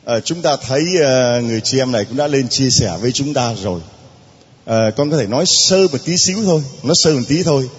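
A man's voice: mid-range voice, breathy edge, dull audio. Emphatic male priest in an echoey hall. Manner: emphatic, dramatic repetition, talks to the congregation. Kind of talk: sermon. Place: church.

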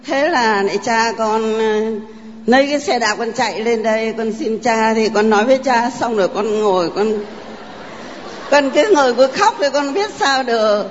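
Older woman, halting heartfelt church testimony, long reverb, muffled. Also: a little high, a little hiss or hum. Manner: halting, heartfelt storytelling with many fillers. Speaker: parishioner giving testimony. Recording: dull, reverberant church recording.

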